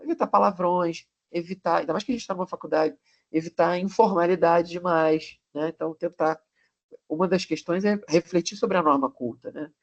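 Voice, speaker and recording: A man with a Brazilian Portuguese accent giving a live online college class, relaxed, with many tag questions and restarts. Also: high-pitched, moderate pace. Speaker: college lecturer. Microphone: video call. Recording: muffled lo-fi video call audio.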